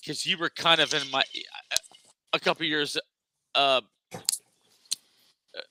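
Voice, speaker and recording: A man's voice: a little high, fairly even intonation, slow pace, background noise. A man reminiscing earnestly about his school sports days in a casual reunion chat.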